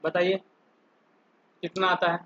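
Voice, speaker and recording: A man's voice: high voice, completely flat delivery, fairly bright tone, muffled recording, a little hiss or hum. A man teaching an online engineering class, working through each step and keeping the students involved with frequent questions. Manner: slow, stepwise, keeps asking students questions. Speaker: polytechnic lecturer.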